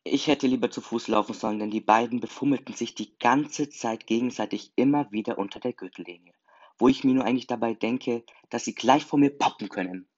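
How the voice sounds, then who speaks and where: A man's voice: mid-range voice, brisk, a little mellow. A man narrating a first-person story in an earnest, emotional reading. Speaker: story reader. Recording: slightly dull lo-fi recording.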